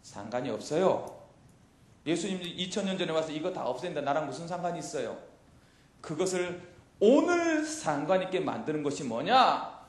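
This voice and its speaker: A middle-aged man preaching a youth sermon into a handheld mic in a church hall, animated and quizzing his listeners with questions. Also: fairly high pitch, moderate pace. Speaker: pastor. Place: church hall with chalkboard, indoors.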